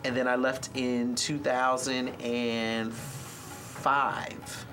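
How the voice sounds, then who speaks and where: An easygoing man talks about his studio job, filling pauses with "um." Steady room ambience and noise sit clearly behind his voice. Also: medium pitch. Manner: easygoing, with many "um" fillers. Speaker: studio facilities coordinator.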